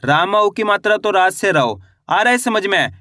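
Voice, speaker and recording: A man's voice: high-pitched, sing-song, moderate pace, sharp tone, no echo, clean studio sound. A man teaching a step-by-step reading lesson, asking questions and answering them himself while drawing out each sound.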